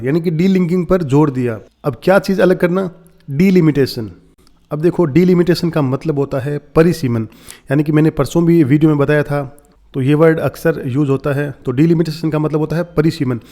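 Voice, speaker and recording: Mellow-voiced man teaching English in Hindi. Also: fairly high pitch. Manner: slow deliberate reading of English phrases, then explaining. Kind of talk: explaining newspaper vocabulary in Hindi.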